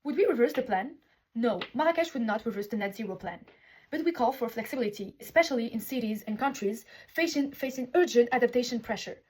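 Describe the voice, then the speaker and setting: Husky-voiced young woman from Morocco giving a speech. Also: fairly high pitch, a little mellow, poor audio. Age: young adult. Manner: earnest, reads a prepared text with small restarts. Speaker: student speaker representing a city. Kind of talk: prepared speech for a competition.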